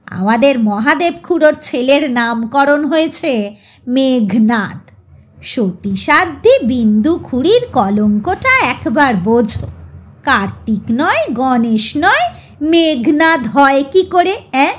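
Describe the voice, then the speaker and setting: A woman voicing a gruff, short-tempered old village landlord who barks orders. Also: high voice, very animated, slow pace, heavily acted. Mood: grumbling.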